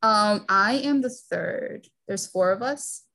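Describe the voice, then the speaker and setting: Medium in pitch, slow, gravelly and sharp-toned, this young Northeastern American woman chats casually as a podcast interview guest. She's giggly and talkative, dropping "like" frequently.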